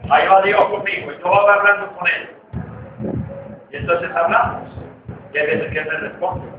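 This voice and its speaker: High-voiced pastor preaching in an echoey hall. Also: male voice, fairly even intonation, moderate pace. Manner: fervent preaching, often shouting. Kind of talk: sermon. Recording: distant echoey church hall, lo-fi, noisy.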